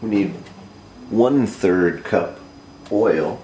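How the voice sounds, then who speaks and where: A North American amateur host with a low voice talks through cooking steps plainly and unhurriedly in a casual home demonstration. He's recorded indoors in a roomy kitchen on a camera mic a short distance away, with clear background noise.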